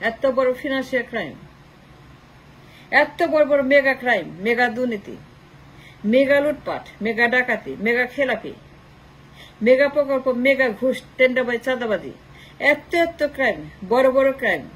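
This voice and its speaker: A woman's voice: high-pitched, expressive, normal speed, long pauses, a bit bright, breathy edge, poor audio. A woman from Bangladesh, giving an impassioned political commentary monologue, piling up long rhetorical lists of short phrases and slipping English phrases in. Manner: slips English phrases into her talk.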